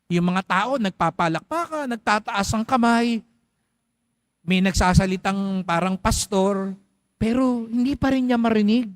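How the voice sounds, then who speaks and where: A man's voice: high-pitched, measured pace, dry recording. A Filipino priest in church, telling a story during his homily and asking the congregation questions in a conversational way.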